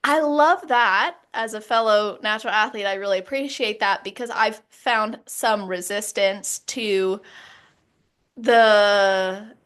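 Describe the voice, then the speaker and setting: A woman's voice: mid-range voice, takes it slowly, fairly bright tone, smooth. A woman hosting a podcast, asking long reflective questions in an affirming way. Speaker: podcast host. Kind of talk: casual interview questions.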